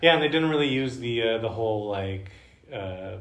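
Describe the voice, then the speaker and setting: A man's voice: medium pitch, animated, normal speed, fairly bright tone. A man chatting casually as a podcast host. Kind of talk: casual chat. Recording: roomy echo with background noise.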